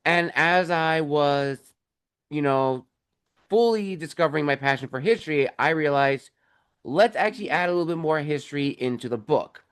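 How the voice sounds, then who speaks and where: A fairly high, clear, resonant male voice at normal speed belongs to a young adult author and podcaster. As the guest in a relaxed video-call interview, he talks up his books with enthusiasm, rambling through long explanations packed with fillers.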